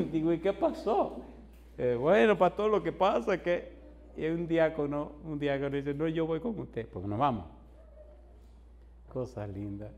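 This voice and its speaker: A man's voice: mid-range voice, mellow, lo-fi sound, slight background noise. A man preaching as a pastor, telling a long story and acting out the dialogue, in a church hall before an audience. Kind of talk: storytelling sermon.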